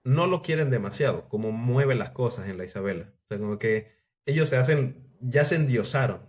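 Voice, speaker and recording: A man's voice: medium pitch, expressive, fairly quick, darkish tone. A man casually retelling a historical story in a loose, chatty way, now and then acting out quotes. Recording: dull lo-fi sound.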